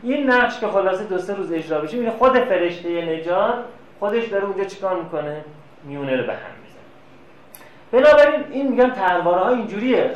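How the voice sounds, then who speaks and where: A man's voice: high-pitched, dull audio. A man giving a classroom lecture, telling anecdotes and acting out quoted dialogue. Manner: lively storyteller, plays out quoted dialogue. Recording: echoey room, faint noise.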